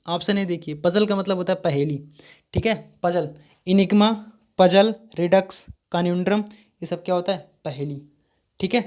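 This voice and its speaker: A man's voice: sits high, normal speed, darkish tone. A man runs a live online vocabulary lesson. He often stops to spell a word out letter by letter. He keeps asking his students what each word means. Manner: spells words letter by letter, repeats questions. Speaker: vocabulary teacher.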